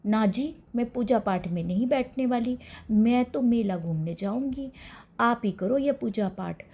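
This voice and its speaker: A woman's voice: on the high side, a little slow, dark tone. A woman voicing a proud young wife who brushes off worship with dismissive, boastful talk.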